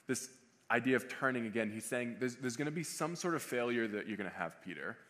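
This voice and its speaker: Male pastor, mid-pitched voice, relaxed preaching, repeats lines for emphasis. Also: a little fast. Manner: conversational preaching, restating phrases for emphasis. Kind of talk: sermon.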